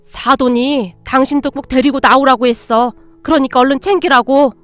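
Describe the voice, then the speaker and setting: A woman's voice: high voice, fairly even intonation, normal speed, no echo, faint music behind, natural voice. A woman voicing a middle-aged husband who talks in short, hurrying orders. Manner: curt, hurrying.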